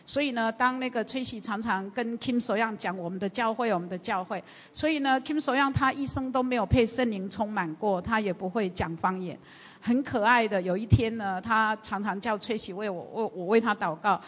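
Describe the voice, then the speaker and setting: A woman pastor tells a story to her congregation with a lively, animated delivery and plenty of fillers. Her voice sits a little high. It rings with the long reverb of a church hall. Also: a little fast. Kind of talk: sermon storytelling in a church service.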